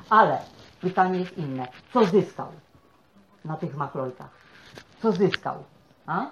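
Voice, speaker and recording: Chatty preacher in an echoey church. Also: male voice, on the high side, slight background noise. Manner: chatty, peppers speech with tag questions. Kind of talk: conversational sermon. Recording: echoey, dull room sound.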